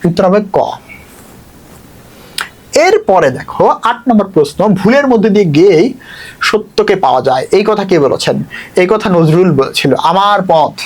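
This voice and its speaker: A man's voice: high-pitched, animated, moderate pace, long pauses. Chatty male tutor. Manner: chatty, checks in often with rhetorical questions. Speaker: admission test tutor. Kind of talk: exam prep lesson.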